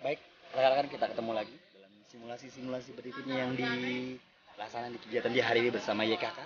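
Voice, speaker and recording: A man's voice: mid-range voice, level tone, very fast, muffled recording, a crowd in the background. A man, an upbeat and encouraging facilitator giving commentary at an outdoor training camp. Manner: upbeat, encouraging, calls out warnings. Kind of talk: energetic event commentary and narration.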